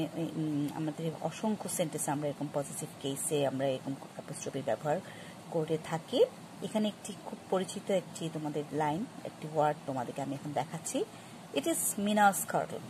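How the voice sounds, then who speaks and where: A woman teaches a grammar lesson in a somewhat low voice. She explains patiently, stopping and restarting often. Faint noise sits behind her. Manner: explains slowly with many fillers and restarts; patient, addresses students directly. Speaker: English teacher.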